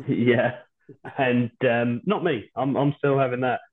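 A man hosting a podcast from home over a low-quality Zoom stream, talking casually with many hesitant ums and restarts. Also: fairly even intonation, slow. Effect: low-quality Zoom stream audio. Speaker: podcast host. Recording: tinny phone-like video call line.

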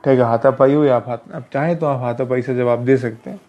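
A man's voice: mid-range voice, fairly even intonation, brisk. A man talking casually about self-defense as an instructor, repeating himself and calling the listener brother. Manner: conversational, repetitive, addresses listener as brother. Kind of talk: casual advice talk. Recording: dull lo-fi recording.

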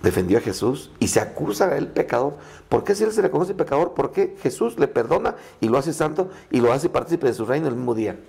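A man's voice: mid-range voice, very animated, fast, gravelly, a little mellow. A middle-aged male priest speaking earnestly in a conversational interview, telling his story with frequent restarts. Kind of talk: conversational podcast testimony.

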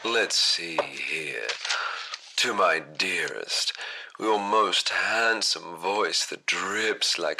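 A man's voice: sits low, sharp tone, heavily acted. A man playing a doting, suave middle-aged husband in a radio comedy, speaking in a flowery, courtly way.

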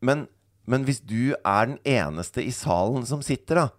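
A man's voice: mid-range voice, expressive. A man, co-hosting a podcast, telling stories in casual chatty banter. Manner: storytelling, chatty, uses fillers like "liksom". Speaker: podcast co-host.

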